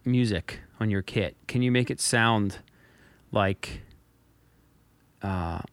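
Casual guy, clear smooth voice, dry mic, tells a story with lots of stutters and restarts. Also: lowish voice, slow, no room sound. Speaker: podcast co-host and drummer. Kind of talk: casual chat.

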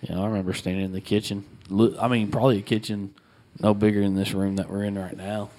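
A man's voice: fairly low pitch, flat delivery, fast, mellow. A man from Southern Arkansas with a Southern accent, chatting casually as a co-host and telling teasing stories. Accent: Southern American. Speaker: podcast co-host. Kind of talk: casual chat.

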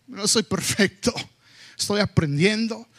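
A pastor delivers his sermon slowly and deliberately, his voice sitting high for a man. He is animated, slipping into English phrases and sometimes acting out scolding his kids. It sounds like a church service. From United States. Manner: animated, acts out scolding his children in high loud bursts; slips between Spanish and English.

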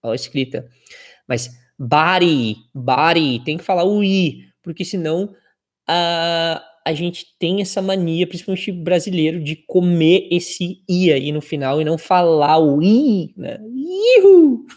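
Slow, low-voiced woman teaching pronunciation. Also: a little mellow. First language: Brazilian Portuguese. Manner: drills word pairs slowly, with laughs and asides. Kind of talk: casual spoken lesson.

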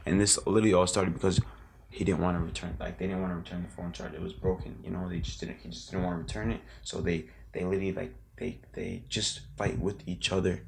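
A man's voice: low voice, little pitch movement, quick pace, gravelly, crowd noise. A young man in his late teens, a guest in a casual interview, rambling through his memories with lots of filler words and restarts.

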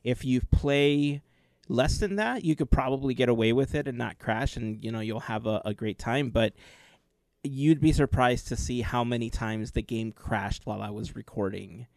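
In a casual podcast discussion, a man who co-hosts and makes gameplay videos gives a long, earnest account of his gaming experience. His mid-range voice is gravelly and darkish, at normal speed, with no room sound.

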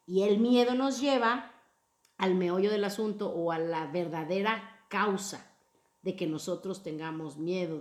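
Animated woman in an echoey room. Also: mid-range voice. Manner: animated, expressive, playful. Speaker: podcast host. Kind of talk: casual podcast chat about emotions.

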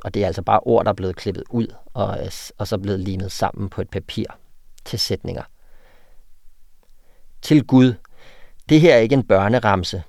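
Low-voiced hesitant Danish man. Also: vocal fry, pauses often, darkish tone, dry recording, studio quality. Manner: hesitant, many fillers when explaining. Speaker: writing teacher for children. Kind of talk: interview talk and reading student texts aloud.

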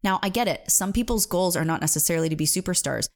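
A woman in her thirties speaks as a singing coach, earnest and emphatic, weaving a personal story into a pep talk. Her voice sits a little low for a woman. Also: lively intonation, quick pace. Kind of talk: motivational talk to camera.

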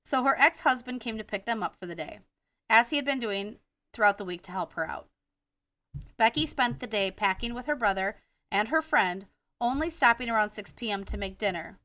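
Reading the case from her notes on a casual true-crime podcast, this Wisconsin-accented co-host sometimes trips over names and laughs it off. Her fairly high voice is expressive, brisk, pushed and bright. The recording has no echo, but the mic is far away.

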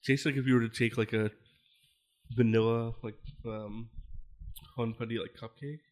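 A young man hosts a podcast in a casual, upbeat way. He rambles and fills his sentences with "like". His voice sits in a middle pitch. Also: fairly even intonation, moderate pace. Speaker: podcast host. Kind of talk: casual chat.

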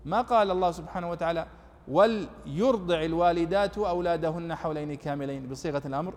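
A man's voice: on the high side, darkish tone. A man teaching a classical commentary lesson, explaining points directly to his students. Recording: echoey hall with long reverb.

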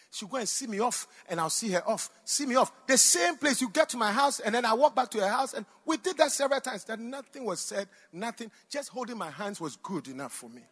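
A middle-aged Ghanaian man, a pastor, preaching a storytelling sermon that swings between hushed moments and loud outbursts as he speaks to the congregation. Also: high-pitched, breathy edge. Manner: animated, swings from hushed to shouting, addresses the audience directly.

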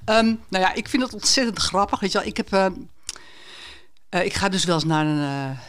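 A man's voice: high-pitched, expressive, moderate pace, a bit bright, clean tone. A male author talks about his book in an interview, with many fillers and restarts, and reads a passage aloud. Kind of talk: conversational interview and reading aloud.

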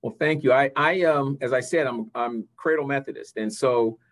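An older man answering interview questions over a video call, halting often as he searches for phrasing. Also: medium pitch. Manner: halting, hesitant phrasing with frequent pauses. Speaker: interview guest, church district superintendent.

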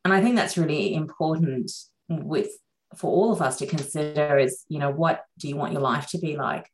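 A middle-aged woman from Sri Lanka, a surgeon, chatting reflectively with plenty of fillers in a relaxed interview. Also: low-pitched, moderate pace, low-quality recording. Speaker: surgeon guest.

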